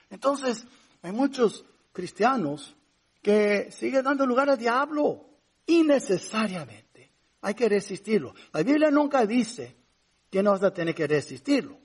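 A man's voice: high-pitched, slightly rough. A man preaching a conversational sermon as pastor, rising to emphatic points now and then.

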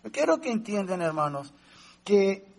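A man's voice: high-pitched, sing-song, normal speed, gravelly, a little mellow. A man preaching a sermon in a conversational, emotional way, calling his listeners brothers and asking them rhetorical questions. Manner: asks rhetorical questions to the congregation; emotional, varied delivery. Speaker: pastor.

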